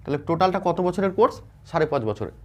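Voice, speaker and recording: Speaking quickly in an animated, darkish voice pitched on the high side, this teacher from West Bengal, India, has a Bengali accent. His explainer for students is casual, with frequent fillers, restarts, and repeated checks of "ঠিক আছে?"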